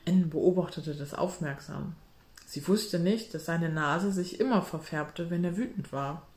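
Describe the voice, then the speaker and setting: Woman narrator, steady storybook read-aloud, roomy sound. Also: lowish voice, unhurried. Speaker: reader. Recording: roomy echo.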